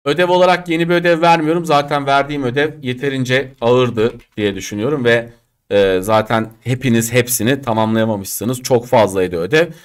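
A man's voice: mid-range voice, fairly quick, smooth. A man teaching an online English class, chatty and direct, acting out quoted speech and regional ways of talking. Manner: lively, chatty, direct, addresses students as friends; acts out quoted speech and regional Turkish dialects.

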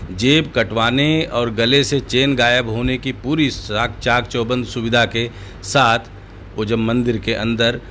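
A man's voice: medium pitch, fairly bright tone, slight background noise. A man giving critical news commentary in a sarcastic, indignant manner.

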